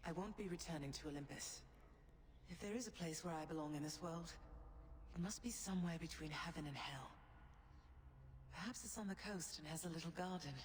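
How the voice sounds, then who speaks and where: Woman playing a tired runaway underworld queen, soft and resigned, lowish voice, long reverb. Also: brisk, slight background noise, close to an everyday voice.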